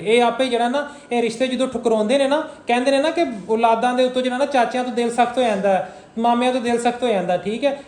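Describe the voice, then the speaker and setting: A man's voice: extremely high pitch, a little mellow. A young man with a Punjabi accent hosting a family vlog, coaxing and reassuring his mother, often asking "theek hai na?". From Punjab, Pakistan. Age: young adult. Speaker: family vlogger. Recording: roomy room with faint noise.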